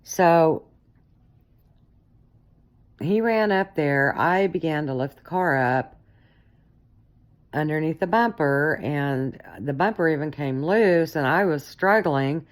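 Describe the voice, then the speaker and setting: A woman with a very deep, low voice tells a personal story at an unhurried pace. She rambles and corrects herself, with plenty of fillers along the way. She sounds middle-aged and talks casually.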